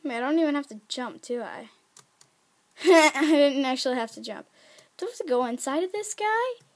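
High-voiced, excitable woman gamer. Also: normal speed. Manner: chatty and excitable, squealing and counting aloud. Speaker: gaming video creator. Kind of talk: casual gameplay commentary.

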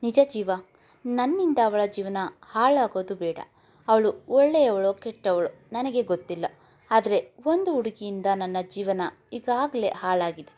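A woman's voice: mid-range voice, animated, normal speed, warm tone, natural voice. A woman voicing a bitter, heartbroken young husband who speaks firmly in a storybook reading. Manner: bitter, firm.

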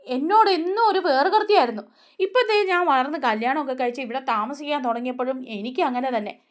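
A woman voicing a drunk, hurt son who pleads slowly and tearfully about being left out. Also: sits high, lightly acted. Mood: hurt, pleading. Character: grieving drunk man, hurt middle son.

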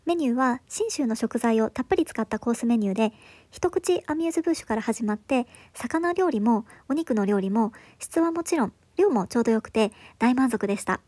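A woman in her thirties narrates a travel vlog in a quick, high, bright voice. Her scripted voice-over sounds upbeat and enthusiastic. She reviews each detail as if pleased with it. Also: expressive. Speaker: travel vlogger.

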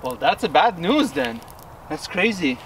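Man in his thirties, high-voiced vlog host, excitable, recorded outdoors with faint background noise. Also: unhurried. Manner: excited, laughing often. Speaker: video host. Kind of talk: casual vlog commentary. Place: outdoors in an orchard.

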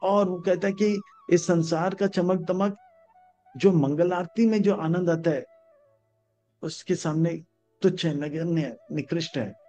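High-voiced Hindi spiritual teacher. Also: male voice, mellow. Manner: chants Sanskrit verses slowly, acts out story characters. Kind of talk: Hindi scripture discourse with stories. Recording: dull lo-fi sound with faint music.

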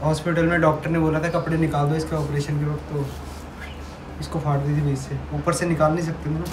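A man's voice: a little high, level tone, fast, background noise. Chatty young man vlogging at home. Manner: chatty, walking viewers through things at home. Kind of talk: casual vlog talk to camera. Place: at home, indoors and by a parked bike.

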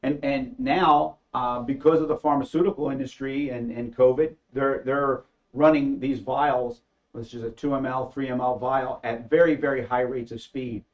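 On a backdropped studio set, a middle-aged engineer who co-invented a machine tells how it came about in a casual panel chat. He speaks at a moderate pace in a steady, medium-pitched tone, hesitating frequently with ums and uhs, and his mid-range voice sounds slightly dull, as if captured on a modest studio setup.

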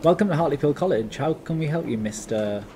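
A man's voice: on the high side, animated, fairly quick, mellow, lightly acted. A man playing a polite, reassuring college careers adviser in a comic parody film, courteous and unfazed.

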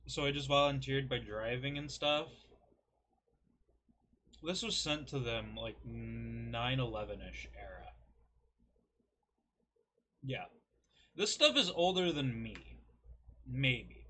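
A man's voice: mid-range voice, lively intonation, slow pace, pauses often, bright, forceful tone. A man in his early twenties rambling casually to a desk webcam in a small bedroom, joking and mocking himself as he reviews food. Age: 20s. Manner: self-deprecating, rambling, joking. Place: small cluttered bedroom, indoors.

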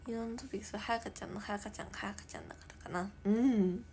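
A teenage girl streaming live in her room, chatting casually, reading viewer comments aloud and drifting into soft whispers. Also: mid-range voice, fairly even intonation, rapid-fire, background noise. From Japan. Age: teens. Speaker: idol livestreamer.

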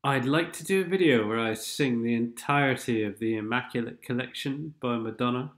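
A gaming commentator with a medium-pitched voice and a fairly quick pace talks over game replays, his nose stuffed up from a cold. His commentary is sardonic and rambling, and he breaks into snatches of songs now and then.

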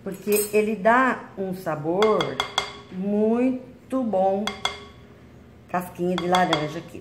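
Mixing dough in her kitchen, a woman hosting a home cooking video chats and explains what she's doing in a medium-pitched voice. The room sounds echoey and the background is noisy, with bowls and utensils clinking.

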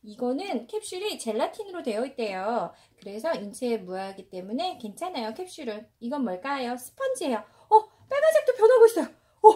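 A woman's voice: sits high, sing-song, a little fast, few pauses, warm tone. A young mother in her home, narrating play with her baby in a cooing, exclamatory, sing-song way. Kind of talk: playful parenting vlog narration. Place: home indoors.

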